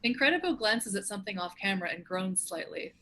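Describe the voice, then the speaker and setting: A woman acting as a script's narrator reads out stage directions in scripted style. Her voice is bright, forceful and middling in pitch, and she delivers it fast and animated.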